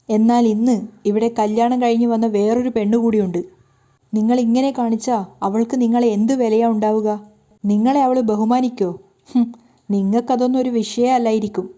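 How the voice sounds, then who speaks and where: Upset young wife raising her voice at her husband, low dark tone, woman reading her lines. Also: natural voice. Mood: indignant. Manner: loud, reproachful, pleading. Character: hurt young wife confronting her hot-tempered husband.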